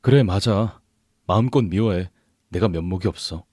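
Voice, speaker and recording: Man as a cold, weary cheating husband, low and subdued, radio drama, dry sound. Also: animated, moderate pace, darkish tone, no room sound.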